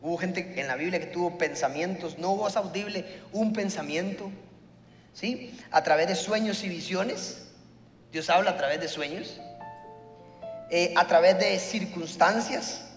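A pastor preaching a sermon, telling a story and acting out the dialogue. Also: male voice, high-pitched, unhurried, reverberant, big-room sound, faint music behind.

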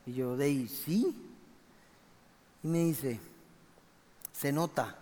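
A man telling a personal testimony in an animated way, acting out the dialogue. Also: medium pitch, slow. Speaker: speaker giving a testimony. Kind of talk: storytelling testimony. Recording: reverberant hall.

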